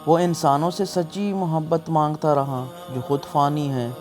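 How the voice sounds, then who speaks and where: A man's voice: fairly high pitch, a little mellow. A man delivering a scripted, emotional sermon in an earnest, pleading way. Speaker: preacher. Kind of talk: scripted religious sermon narration. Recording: music behind the voice.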